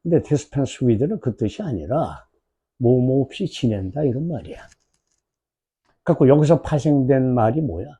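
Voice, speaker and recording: A man with a Korean accent teaching English for an exam prep lecture, asking questions and drawing out English words slowly. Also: mid-range voice, animated, dark tone, slightly rough.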